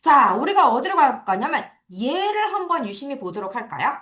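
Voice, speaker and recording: A woman's voice: high voice, big pitch swings, brisk, a bit bright, roomy sound. A woman teaching English number words to children in a recorded lesson, asking questions and answering them step by step. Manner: explains step by step with quiz questions to students. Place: classroom at an academy.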